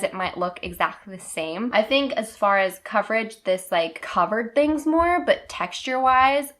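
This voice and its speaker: A woman's voice: medium pitch, a bit bright. A woman chatting casually and upbeat while she applies makeup in a beauty vlog. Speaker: beauty vlogger. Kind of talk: casual makeup tutorial chat.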